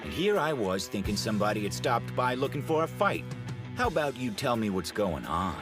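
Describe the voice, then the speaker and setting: A man's voice: on the low side, sing-song, brisk, music in the background. A man voicing a cocky, mocking teenage delinquent leader in an anime dub. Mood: smug. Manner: smug, mocking, cool. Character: cocky teen delinquent leader, karate champion.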